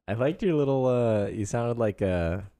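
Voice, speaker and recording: A man's voice: medium pitch, expressive, unhurried, mellow, no echo, clean studio sound. A man co-hosting a casual podcast, rambling and laughing a lot. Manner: laughs often, rambling, playful. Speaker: podcast co-host. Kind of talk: casual chat.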